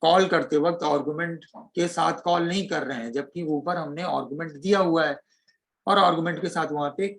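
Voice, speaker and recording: Guy teaching coding online, gravelly voice, goes step by step as he types. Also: fairly high pitch, moderate pace, fairly bright tone, poor audio. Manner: explains step by step while typing code.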